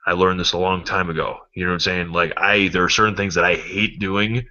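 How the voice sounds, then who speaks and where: Male vlogger, low and bright-toned, rambling animated pep talk on a dull lo-fi recording. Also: brisk. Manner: rambling, animated, swears freely. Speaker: motivational vlogger. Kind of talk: casual motivational pep talk.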